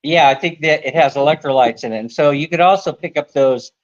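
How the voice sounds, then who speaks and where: A man's voice: a little high, brisk. Chatty man, dull lo-fi sound. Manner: chatty, jokey, laughs often. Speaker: live stream host. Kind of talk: casual chat.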